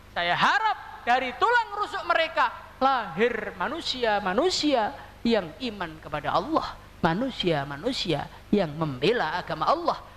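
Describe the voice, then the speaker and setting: Young preacher, echoing mosque. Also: male voice, sits high, sharp tone. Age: young adult. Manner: emphatic, rhetorical questions to the congregation. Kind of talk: evening mosque sermon. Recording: reverberant mosque hall, faint noise.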